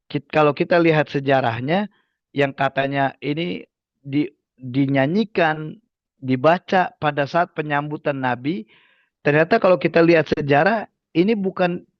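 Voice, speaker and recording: A male Islamic preacher with a high voice, recounting a story and tossing rhetorical questions to his listeners. The sound is dry and close, with a slightly dull, lo-fi quality. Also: no room sound. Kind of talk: religious study lecture.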